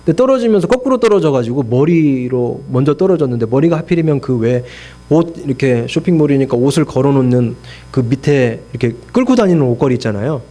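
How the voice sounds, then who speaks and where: A man's voice: medium pitch, expressive, quick pace, dark tone. A middle-aged male pastor preaching a sermon, telling stories with animation and acting out complaints and prayers in his own voice, often putting rhetorical questions to the congregation.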